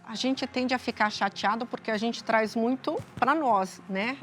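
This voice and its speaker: A woman with a Brazilian accent, a psychologist guest explaining calmly on a talk show, often adding tag questions. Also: a little high, a little slow, soft background music. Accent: Brazilian Portuguese.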